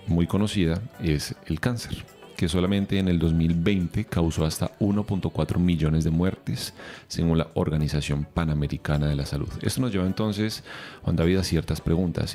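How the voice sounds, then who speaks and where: A man hosting a radio podcast interview, asking formal, measured questions. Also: low-pitched, dark tone.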